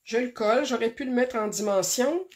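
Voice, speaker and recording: A woman hosts a card-making tutorial, talking slowly and carefully through each step with many pauses and fillers. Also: a little high, a little mellow. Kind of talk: casual craft demonstration.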